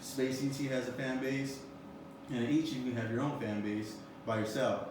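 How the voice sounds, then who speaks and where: A man in his twenties hosts a casual interview at a moderate pace, his medium-pitched voice fairly even in intonation. He rambles, filling his speech with lots of "you know" and "um." The recording has a roomy echo and background noise, with the mic far from him.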